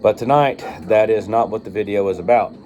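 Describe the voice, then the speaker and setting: This man reviews firearm optics on video, talking off the cuff in a loose, rambling way with some swearing. He speaks fairly quickly in a lowish, mellow voice, and there's a little hiss or hum on the track.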